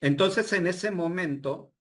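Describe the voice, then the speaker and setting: A man's voice: high voice, slow pace. Man telling a story. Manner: animated retelling with quoted dialogue, many fillers. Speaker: guest storyteller. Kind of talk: casual spoken storytelling.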